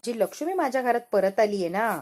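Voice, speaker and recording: A woman's voice: a little high, lively intonation, a little fast, darkish tone. A woman voicing an elderly grandmother who is thrilled and tearful with happiness in a serial recap. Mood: overjoyed. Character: joyful elderly grandmother, devout and emotional.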